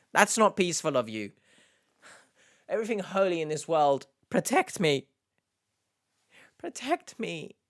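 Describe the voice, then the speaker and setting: A man's voice: fairly high pitch, pushed and bright, clear, resonant tone. A man casually reading out and answering comments as a YouTube host, with sarcastic, mock-indignant delivery and dry self-deprecation.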